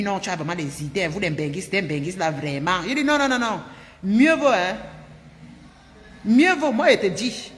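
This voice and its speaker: A woman from Cameroon, telling her viewers a personal story in an animated, emphatic way and repeating herself often. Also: mid-range voice, big-room sound, a little hiss or hum. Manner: animated and emphatic, with frequent repetitions. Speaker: vlogger.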